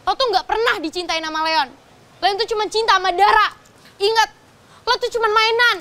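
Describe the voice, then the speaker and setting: A bratty, scheming young woman in a TV soap, her voice very high and sharp. She talks in a spoiled way and throws in English phrases, with a faint hiss of noise behind her. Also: a little fast. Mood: spiteful. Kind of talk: TV soap acting.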